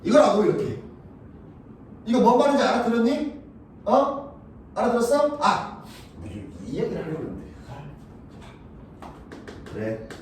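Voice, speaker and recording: A male math teacher lectures with a lively, swooping voice, rough and full of crude words, always asking whether the students are following. He is recorded from far off in a very echoey classroom. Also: extremely high pitch, unhurried, pauses often, a little hiss or hum. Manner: blunt, crude and profane, keeps checking if students follow.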